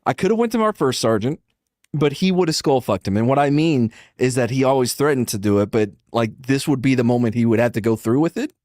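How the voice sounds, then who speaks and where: Animated man telling a profane story. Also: mid-range voice, quick pace, no room sound, clean studio sound. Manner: lively, profane, laughs often mid-story. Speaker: podcast co-host. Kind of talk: casual chat, animated storytelling.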